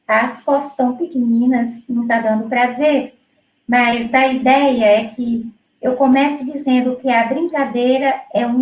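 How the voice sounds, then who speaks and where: Brief: middle-aged woman music educator, high voice, chatty and explanatory, echoey room. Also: a little mellow. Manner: explanatory, with many fillers and restarts. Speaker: music educator presenting her work. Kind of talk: conversational presentation.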